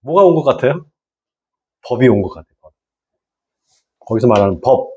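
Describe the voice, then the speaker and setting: Middle-aged male pastor for a church lecture, mellow husky voice, keeps checking in with the room and repeating key terms, dull lo-fi sound. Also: medium pitch, very animated, normal speed. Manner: asks the audience and repeats key words. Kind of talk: church lecture to lay people.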